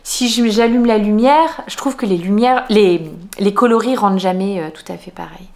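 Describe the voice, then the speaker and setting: A woman's voice: medium pitch, normal speed, a little mellow. A woman hosting a knitting video podcast, talking casually at home with many fillers and restarts. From France. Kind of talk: casual chat.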